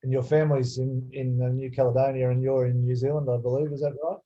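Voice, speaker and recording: A man hosting a webinar, introducing guests in a halting way with many fillers and restarts. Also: medium pitch, level tone. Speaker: webinar host. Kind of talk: webinar presentation. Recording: slightly dull video call audio.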